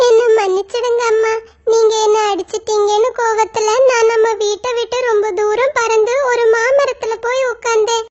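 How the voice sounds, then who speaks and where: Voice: very high voice, dull audio. A performer voicing a whiny little boy crow in a cartoon story. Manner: whiny, childlike. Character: little boy crow, upset runaway child.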